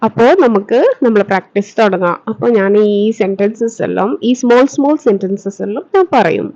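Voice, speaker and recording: A woman with a Malayali accent teaching English, saying short phrases clearly and explaining them. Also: medium pitch, a little mellow, lo-fi sound. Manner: clear, deliberate drill-style enunciation. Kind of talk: language lesson, slow model phrases with explanations.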